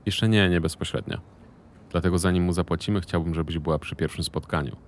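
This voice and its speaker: A man's voice: deep voice, steady tone, brisk, slight background noise, natural voice. A man doing a brash mocking partner. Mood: cocky. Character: cocky male business partner, mocking and short-tempered.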